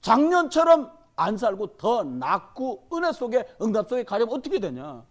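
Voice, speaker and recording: A man's voice: very high-pitched, wildly swooping pitch, moderate pace. A man preaching a sermon as the pastor at a Wednesday church service, urging and joking with the congregation.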